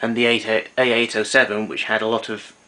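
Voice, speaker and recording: A man with a lowish, level, sharp-toned voice talks a little fast while demonstrating tape recorder repairs. His informal explanations are matter-of-fact yet slightly hesitant, and the amateur audio is noisy with clicks.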